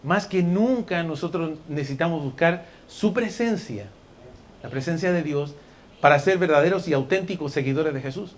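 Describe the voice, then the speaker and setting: A man preaching a sermon in church, moving between soft, intimate asides and loud, shouted exhortation, calling his listeners brother and dear one. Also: on the high side, moderate pace. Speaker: pastor.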